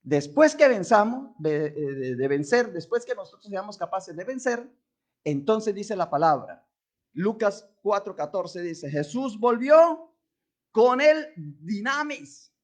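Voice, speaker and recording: A man with a Colombian accent, a pastor preaching a sermon, swinging from casual storytelling to loud emphatic questions. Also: sits high, animated, unhurried. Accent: Colombian Spanish. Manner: conversational storytelling asides.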